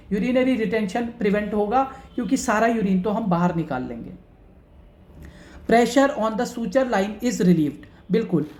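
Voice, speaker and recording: A woman teaching nursing exam questions, reading each one slowly and then explaining it in a chatty, conversational way. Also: a little high, warm tone. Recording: echoey room.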